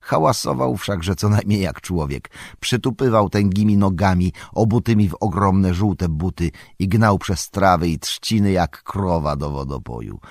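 A man narrating an audiobook with a deep, low voice. His reading is lively, the pitch swinging widely as he tells the story. The sound is dry and close to the mic. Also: no echo.

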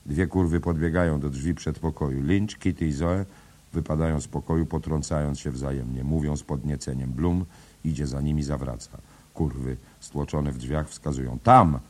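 A man with an extremely deep, breathy voice reads stage directions in a measured, steady way. His scripted narration keeps a calm, even flow. The husky low tone carries every line.

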